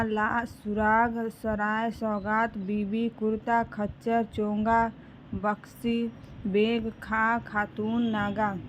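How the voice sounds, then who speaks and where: A woman teacher giving an exam-prep lesson, slowly reading out lists and reminding students to memorize them. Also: a little high. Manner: slow, deliberate listing with repeated reminders to memorize. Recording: slightly dull recording with faint room noise.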